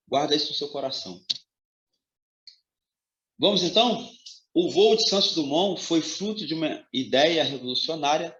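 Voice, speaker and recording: A man's voice: fairly high pitch, bright, forceful tone. A male grammar teacher giving an exam-prep lecture, talking emphatically and checking in with his students. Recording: roomy, slightly dull audio.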